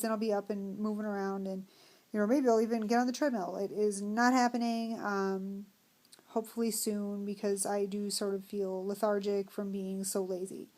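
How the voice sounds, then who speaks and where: A middle-aged American woman talking casually in a personal vlog, candid and self-deprecating, often pausing mid-thought. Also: medium pitch, a little mellow. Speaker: vlogger.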